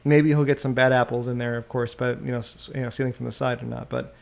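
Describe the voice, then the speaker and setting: A man with a gravelly, fry-edged voice at an ordinary pitch, hosting a solo podcast. He muses out loud, trails off and restarts his sentences. He talks close to a desktop USB microphone. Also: little pitch movement, fast. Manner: musing, trailing off and restarting often. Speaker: podcast host. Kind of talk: rambling solo podcast monologue.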